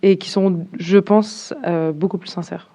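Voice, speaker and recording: The singer of a band, a young woman from southern France, responds shyly to casual interview questions, pausing as she hunts for the right words. She speaks a little slowly in a fairly low, mellow voice with fairly even intonation.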